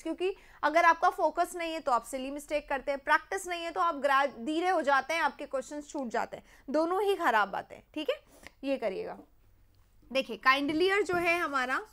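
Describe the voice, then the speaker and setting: A young woman with an Indian English accent teaching English grammar in a live online class, mixing Hindi and English and reading example sentences slowly. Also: sits high, bright, forceful tone. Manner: mixes Hindi and English, reads sentences slowly, quizzes viewers. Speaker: English teacher for competitive exams.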